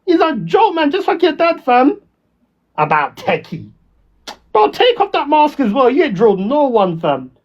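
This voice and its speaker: Taunting London roadman, swooping pitch. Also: huge pitch swings, normal speed. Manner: roadman slang delivery; taunting, confrontational, repetitive. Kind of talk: ranting livestream trash talk. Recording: dull lo-fi audio.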